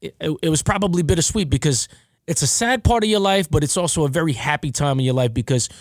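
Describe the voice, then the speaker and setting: A man hosts a podcast chat in a reflective, mentoring way, drawing his guest out with questions. His voice sits a little higher than most men's. The sound is close and dry. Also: animated, fast talker, no echo. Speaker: podcast host and referee. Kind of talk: casual podcast conversation.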